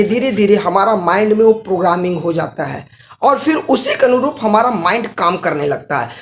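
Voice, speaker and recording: A man's voice: very high voice, roomy sound. A man giving a live motivational seminar talk, quizzing the audience with rhetorical questions and telling stories with acted-out examples. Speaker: motivational business trainer.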